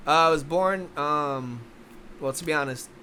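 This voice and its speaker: A man's voice: on the high side, a little slow, sharp tone, a little hiss or hum. A young man from Philadelphia, a boxing coach guest in a casual podcast interview, rambling with many restarts.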